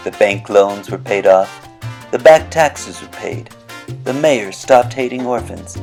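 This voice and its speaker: A man narrating a short film's ending in a slow, deadpan storybook manner. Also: fairly low pitch, gravelly.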